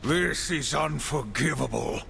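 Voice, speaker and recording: A man's voice: fairly high pitch, unhurried, gravelly, over music. An actor playing a stern, grim male warrior horseman of the apocalypse in a video game, terse, commanding and humorless. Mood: angry, commanding.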